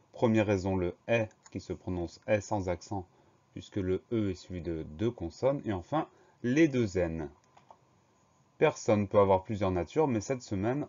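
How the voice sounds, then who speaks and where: A man's voice: lowish voice, mellow, no room sound, lo-fi sound. A man teaching a spelling lesson, spelling words out letter by letter and explaining each one patiently before a dictation.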